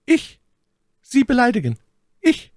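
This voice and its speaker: A man's voice: fairly low pitch, animated, no room sound, studio quality. A man doing a cold, mocking lord. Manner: coolly sarcastic, measured threats. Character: cold, mocking English lord, calm and menacing. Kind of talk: audiobook character reading.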